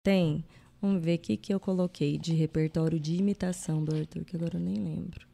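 A woman hosting a podcast speaks with a Brazilian Portuguese accent in a relaxed, chatty way. Her voice is low and dark, with a lot of gravelly fry, and she often jumps in to finish her guest's sentences. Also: brisk. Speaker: podcast host, parent. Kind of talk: casual podcast chat.

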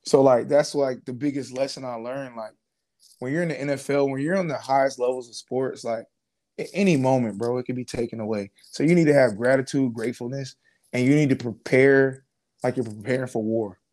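A man in his twenties with a medium-pitched voice speaks fairly quickly as he tells his story as a former pro football player. The interview is casual, and his relaxed speech is full of slang, fillers, and restarts.

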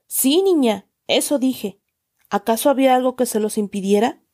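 A woman voicing a stern, pompous middle-aged uncle who loudly lectures children with exaggerated indignation. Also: fairly high pitch, moderate pace, close to an everyday voice. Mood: scolding. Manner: loud, scolding, exaggerated indignation.

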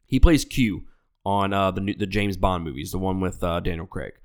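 A man with a deep, smooth voice hosts a movie review podcast at a moderate pace, sounding nasal and congested because he's ill. It's casual chat: he rambles, corrects himself, keeps restarting, and talks in a loose, profane, conversational way.

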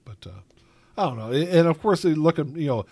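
A man's voice: a little high, animated, brisk, creaky, mellow, husky, dry recording. A man hosting a casual chat, rambling with lots of filler words.

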